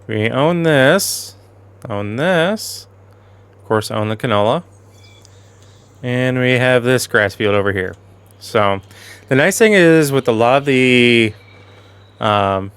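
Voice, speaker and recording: A man's voice: mid-range voice, unhurried, pauses often, a bit bright, clean tone. Casual man with a fading voice. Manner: rambling, self-correcting, chatty. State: losing his voice, clearing throat. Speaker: gaming channel host. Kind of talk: casual game commentary.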